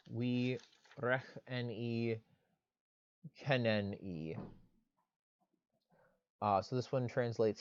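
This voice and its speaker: A man in a mid-range voice delivers a recorded lecture, explaining step by step and filling his pauses with "uh" and "um". The sound is dry and a little dull, with no room echo. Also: mid-range voice, darkish tone. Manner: explanatory, frequent "uh" and "um" fillers.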